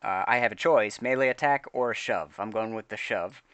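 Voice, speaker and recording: A man's voice: lowish voice, normal speed, fairly bright tone, smooth, no room sound. A man chatting casually as a player in a tabletop game.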